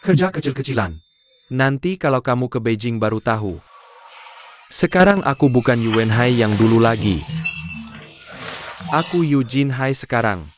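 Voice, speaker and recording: A man voicing a reassuring young younger brother in a dubbed drama series, speaking in an even tone, with music behind him. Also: medium pitch, normal speed, pauses often, a little hiss or hum, lightly acted. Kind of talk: Indonesian dub of a drama series. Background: background music.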